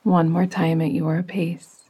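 A yoga nidra guide, female, leads a relaxation meditation in a soft, breathy, partly whispered voice. It sits lowish and stays flat, soothing, gentle and unhurried.

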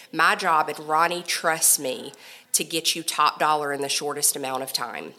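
A woman's voice: low-pitched, sharp tone. A woman in her forties with a Southern drawl, a home stager explaining her work patiently and persuasively in an interview. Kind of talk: conversational interview.

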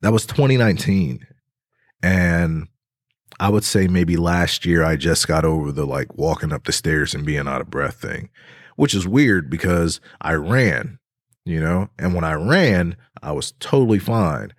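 A man with a very low, deep voice talks in a loose, rambling way, full of fillers and easy laughs. It sounds like a relaxed podcast chat recorded close and dry, with no room sound. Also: unhurried, no echo. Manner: laid-back, rambling with many fillers, laughs often. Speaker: podcast co-host. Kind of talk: casual chat.

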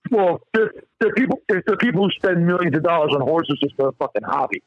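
A man's voice: a little high, animated, fast talker, dry recording. A man calling in to a talk show, telling a rambling story with many restarts. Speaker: caller. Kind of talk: casual phone-in storytelling. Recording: dry, dull lo-fi phone line.

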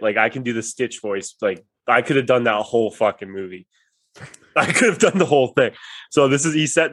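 A man's voice: mid-range voice, fairly bright tone. A young man chatting casually on a podcast with friends, joking and swearing. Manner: joking, swearing, does cartoon impressions. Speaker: podcast co-host. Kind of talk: casual chat among friends.

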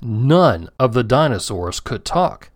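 Expressive male storyteller, lively pitch. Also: slow pace, no room sound, clean studio sound. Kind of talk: scripted children's story narration.

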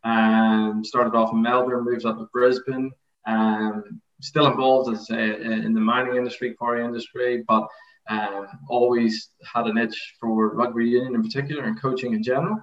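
This mid-range, flat voice belongs to a middle-aged man from Ireland, a rugby coaching researcher appearing as a podcast guest. He explains things casually at a moderate pace, with faint music behind him, over a dull, roomy remote connection from a converted garage office.

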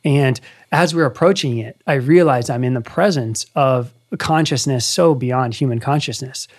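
A man's voice: medium pitch, moderate pace. A man in his thirties, hosting a casual conversation and telling an earnest story with animation. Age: 30s. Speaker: podcast host.

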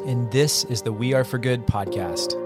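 A man's voice: medium pitch, normal speed, over music. An American man co-hosting a podcast in an informal, enthusiastic and conversational way. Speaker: podcast co-host.

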